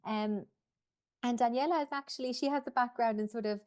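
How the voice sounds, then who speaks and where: A woman's voice: a little high, fairly quick, a little mellow. A woman admissions officer hosting an online info session, friendly and upbeat as she introduces and interviews students.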